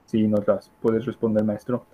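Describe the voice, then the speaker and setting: A man's voice: on the low side, flat delivery, moderate pace, mellow. A man interviewing a lecturer, asking a long question politely with hesitant restarts.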